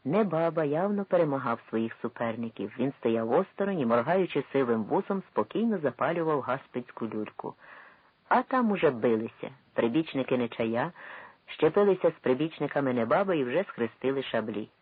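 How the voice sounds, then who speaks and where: A man reading a historical novel aloud as narrator, expressive and dramatic. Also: mid-range voice, a little fast, slightly rough, no echo. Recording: tinny phone-like dry sound.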